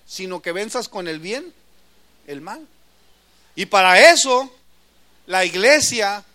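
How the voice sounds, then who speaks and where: A male pastor preaching a sermon, swinging from loud emphatic lines to soft asides. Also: high voice.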